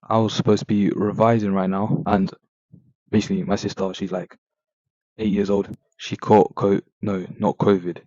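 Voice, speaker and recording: A teenage lad with a low, flat voice, muffled under a face mask, rambling through a story-time vlog. He is recorded dry and a little dull, with no room sound around him. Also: normal speed, dry recording. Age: teens. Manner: rambling, full of "like" and "basically". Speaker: vlogger.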